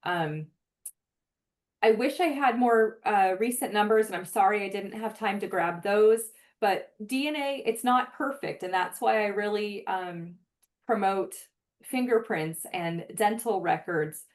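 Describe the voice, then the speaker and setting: A woman's voice: medium pitch, a little slow. A woman giving a webinar presentation in an earnest, explanatory way, talking conversationally with many "um" fillers. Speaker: presenter for a forensic database program.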